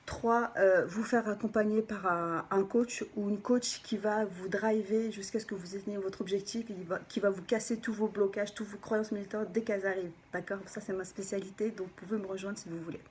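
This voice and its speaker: A woman, a personal development coach, gives an animated motivational talk to viewers, often checking in with them and sometimes dropping into a soft whisper for emphasis. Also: mid-range voice, brisk, few pauses, slight background noise. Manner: animated, keeps checking in with the listener.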